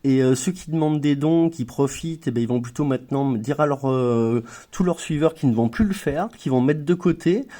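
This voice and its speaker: Earnest man with a dark voice. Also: mid-range voice, brisk, hardly any pauses. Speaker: video maker making an appeal. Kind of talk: direct appeal to viewers.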